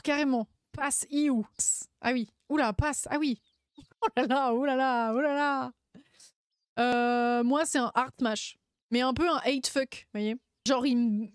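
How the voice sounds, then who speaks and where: Woman streamer, high voice, dry close sound, slangy and laughing. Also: dry recording. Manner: laughs often, slangy and playful. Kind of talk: casual live-stream chat.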